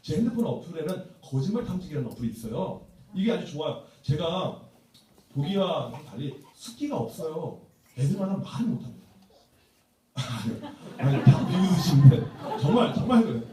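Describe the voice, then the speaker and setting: A man's voice: on the high side, big pitch swings, normal speed, warm tone, slight background noise. A man who is a pastor gives a humorous seminar talk to church teachers. He tells stories in a playful way and acts out quotes. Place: church sanctuary. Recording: echoey church hall from far off.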